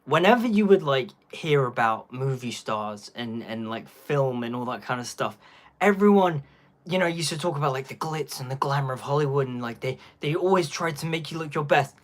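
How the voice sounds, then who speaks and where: A man's voice: medium pitch, animated, normal speed. A young man giving casual live-stream commentary on a phone, rambling and packing his talk with filler words.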